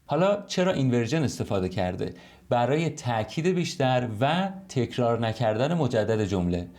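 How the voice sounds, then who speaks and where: A man teaching an online English lesson in Persian, explaining patiently and slowing right down to model English sentences. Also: medium pitch, big pitch swings, darkish tone.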